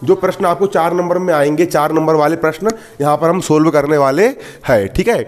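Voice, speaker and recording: High-voiced science teacher drilling students. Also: male voice, a little fast. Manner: repeats questions to the class and answers them himself; joking asides to students. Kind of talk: exam-prep lesson.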